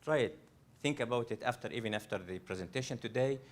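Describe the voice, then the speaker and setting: Speaking quickly at medium pitch, this Egyptian man coaches a live workshop audience in a library event room. His manner is earnest and direct, full of restarts and repeated phrases.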